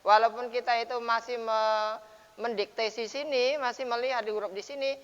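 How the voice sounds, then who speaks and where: A man teaching recitation rules at a dawn mosque lesson, patiently explaining and then chanting the words slowly and loudly. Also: extremely high pitch, steady tone, smooth. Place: mosque, after dawn prayer. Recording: dull lo-fi sound with long mosque reverb.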